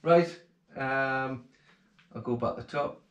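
A man's voice: medium pitch, slow pace, dull audio. A man in his forties hosting a fishing channel, talking casually and gratefully to the camera at home. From England. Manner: chatty and grateful, plain-spoken. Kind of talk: casual vlog talk to camera. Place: home kitchen, then living room, indoors. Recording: roomy home acoustics.

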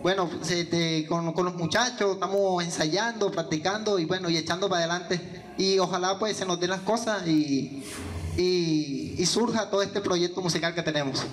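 A young man from Venezuela, there as a guest musician, responds to interview questions at a moderate pace in a high-pitched voice, stumbling through many fillers and restarts. He uses a handheld microphone in an indoor hall with yellow walls, and the audio carries a little hiss or hum.

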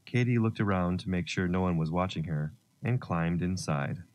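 A man narrating a children's story, gentle and expressive. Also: deep voice, normal speed, dull audio.

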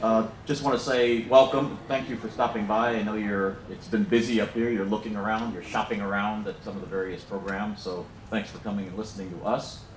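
Speaking a little fast and barely pausing, a middle-aged American man with a lowish, level voice welcomes an audience in a big lecture hall. This program director keeps it informal, joking and filling his speech with fillers. Recorded from the back while he uses a handheld mic, he sounds far away in the spacious room with a faint hiss or hum.

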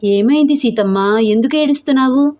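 A woman voicing a gentle, caring young woman who talks with concern. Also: mid-range voice, normal speed, natural voice. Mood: worried.

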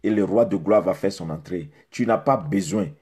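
A middle-aged pastor's low-pitched, darkish, slightly rough voice carries his sermon at a normal speed. He speaks directly to the camera indoors in front of a beach backdrop, pressing his message with rhetorical questions and emphatic repetition.

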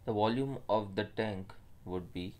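A man's voice: lowish voice, a little slow, darkish tone, a little hiss or hum. A man with a Pakistani accent explains a maths problem step by step as a teacher, mixing Urdu phrases into his English.

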